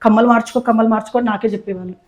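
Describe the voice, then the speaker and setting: A woman's voice: on the high side, steady tone, very fast, close to an everyday voice. A woman playing a whiny, self-pitying young patient in a comic sketch, speaking.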